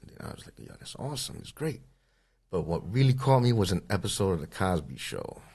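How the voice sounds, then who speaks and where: A man in his forties, born in Ecuador and raised in Queens, telling his story as a guest artist in a casual interview, with a halting manner and frequent restarts. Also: low-pitched, sing-song, gravelly, a little mellow, breathy edge. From Ecuador, raised in Queens, New York. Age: 40s. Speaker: guest, airbrush and tattoo artist.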